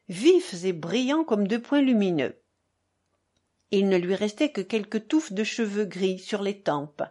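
A woman narrating a classic novel as an audiobook, in a measured, expressive reading. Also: medium pitch.

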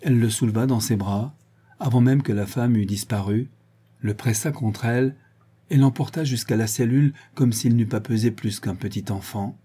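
A man narrating a novel in a measured literary reading. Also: mid-range voice, dark tone, slightly rough. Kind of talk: audiobook narration.

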